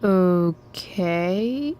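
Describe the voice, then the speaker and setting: A woman's voice: lowish voice, lively intonation, extremely slow, warm tone, slight background noise. An actress playing a sarcastic, rebellious teenage girl in a video game, with a dry, slangy delivery. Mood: sardonic, wary. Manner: dry, sardonic, hesitant drawling. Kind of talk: video game character dialogue.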